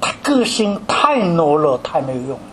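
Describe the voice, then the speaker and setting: A man's voice: on the high side, big pitch swings, normal speed, a little hiss or hum. A man voicing a scornful skeptic who mocks believers in a dismissive tone. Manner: scoffing, dismissive. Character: mocking middle-aged man, scornful skeptic.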